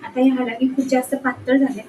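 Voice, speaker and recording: A woman's voice: high voice, level tone, fairly quick, darkish tone, faint music behind. A young woman chatting casually to viewers in her first vlog, talking them through her day. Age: young adult. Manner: chatty, addresses viewers directly. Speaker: vlogger.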